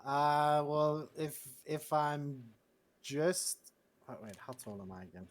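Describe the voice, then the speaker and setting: A man's voice: a little high, lively intonation, slow pace. A man chatting casually as a player in a tabletop game, hesitant and giggly.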